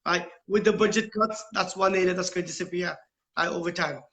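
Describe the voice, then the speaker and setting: A middle-aged British man from the United Kingdom speaks as a school principal in an earnest, explanatory interview. His voice is high-pitched and fairly bright, with fairly even intonation and a fairly quick pace. He often poses rhetorical questions and tags his points with "right?".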